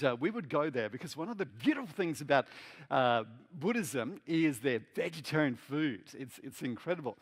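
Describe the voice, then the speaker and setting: A middle-aged man from New Zealand preaching a sermon, repeating phrases and asking the congregation questions, swinging between loud emphasis and quiet asides. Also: fairly high pitch. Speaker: pastor.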